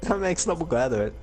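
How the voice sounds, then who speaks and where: A Brazilian man doing casual gameplay commentary in a slangy, joking way. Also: medium pitch. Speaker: gamer. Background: music and game audio.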